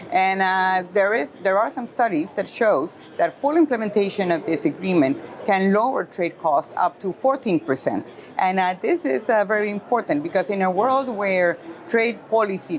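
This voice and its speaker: Low-voiced woman from Costa Rica. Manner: measured, explanatory, frequent "uh" pauses. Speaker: trade policy expert guest. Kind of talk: interview answers. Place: trade symposium in New York.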